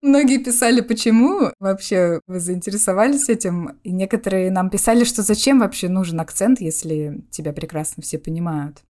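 A woman's voice: mid-range voice, brisk, hardly any pauses, warm tone. A young adult woman co-hosting a podcast, chatting casually and thinking aloud, with light laughter between phrases. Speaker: podcast co-host.

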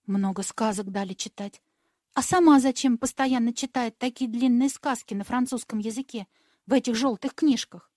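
A woman reading an audiobook, voicing a polite, meek seven-year-old boy prince in a gentle, earnest voice. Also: fairly high pitch, moderate pace, a little hiss or hum, natural voice. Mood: thinking.

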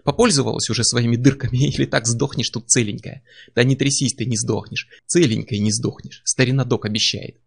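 Жестокий насмешливый варвар-воин, которого озвучивает чтец-мужчина, с хрипловатым скрипучим голосом. Говорит с издёвкой, глумливо и злобно, как в мрачной аудиокниге. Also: male voice, medium pitch, fairly even intonation, fairly quick, gravelly, slight background noise, natural voice. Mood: sneering. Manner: sneering, taunting, cruel. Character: brutal mocking male barbarian warrior.

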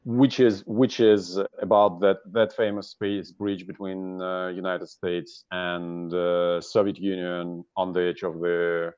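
A man with a Russian accent moderating a panel in English, speaking haltingly with many pauses and repeated words. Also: deep voice, little pitch movement, darkish tone, smooth, no echo. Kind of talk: hosting a panel discussion. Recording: dull, dry video call audio.

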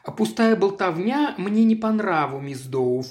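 A man's voice: high-pitched, animated, a little slow, a little mellow. Reader doing a brash, pushy rich businessman. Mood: businesslike. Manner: blunt, brusque, businesslike. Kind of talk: audiobook character voice.

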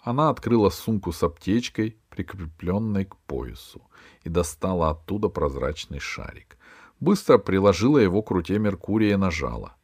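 A man narrating a children's adventure audiobook in an even storytelling manner. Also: sits low, moderate pace, breathy edge. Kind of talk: scripted narration.

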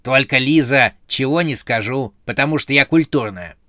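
A man's voice: mid-range voice, normal speed, pushed and bright, no echo, clean studio sound, natural voice. A man voicing a quarrelsome, grumbling old witch granny. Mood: grumpy.

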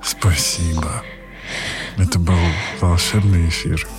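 A man's voice: sits low, steady tone, slow. A man hosting a podcast in a casual interview style. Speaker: podcast host. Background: music.

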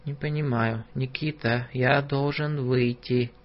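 A man's voice: mid-range voice, steady tone, takes it slowly, lightly acted. A man voicing a distraught older doctor who begs, timid and quavering, to be let out. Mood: pleading. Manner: pleading, quavering. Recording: dull lo-fi audiobook recording.

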